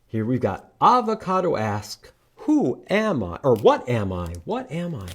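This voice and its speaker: Unhurried and mid-range, a man hosts storytime at a library, his pitch swinging hugely as he reads aloud to young listeners. He teaches letters in short, simple, sing-song phrases, with slight background noise.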